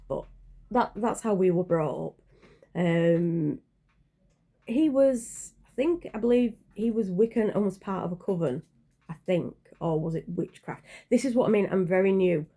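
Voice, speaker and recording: With a warm, fairly low voice, a woman in her 40s who runs her own channel talks casually to camera. Her vlog chat is hesitant and meandering, often corrected mid-sentence and peppered with fillers.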